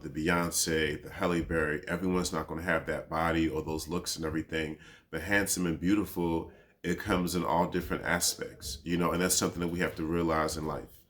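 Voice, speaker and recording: Thinking out loud in a reflective, personal monologue, a podcast host in his thirties speaks with a very deep, low voice. His relaxed, rambling delivery is sprinkled with casual fillers, and there's slight background noise.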